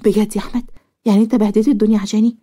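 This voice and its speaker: A woman's voice: mid-range voice, level tone, racing, warm tone, breathy edge, natural voice. A woman voicing a scheming young woman with an Egyptian accent, sly and innocent-sounding. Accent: Egyptian Arabic.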